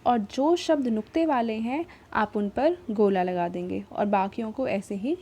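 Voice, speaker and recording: A woman teaching a grammar lesson to children, patiently repeating and rephrasing each point and slowing down to sound out example words. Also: a little high, mellow, husky.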